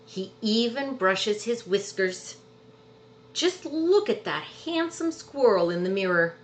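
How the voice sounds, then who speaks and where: A medium-pitched woman reads a children's picture book with lively expression, lingering on words to emphasize them. The recording carries a faint hiss or hum.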